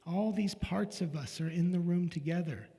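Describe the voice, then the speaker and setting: A man's voice: sits high, moderate pace, mellow, husky. A middle-aged man telling a candid, confessional personal story in a casual way, with the odd swear word. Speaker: speaker sharing a personal story. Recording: long hall reverb.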